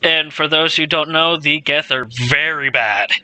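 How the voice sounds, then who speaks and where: A man's voice: a little high, a little slow, pushed and bright, smooth. A man chatting casually as he plays a video game with a friend. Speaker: gaming show player. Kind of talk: casual gameplay chat.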